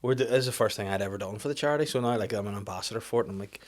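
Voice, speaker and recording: A man's voice: fairly low pitch, racing. A man with a Northern Irish accent telling sweary, self-deprecating comic anecdotes in casual podcast chat, as a stand-up comedian would.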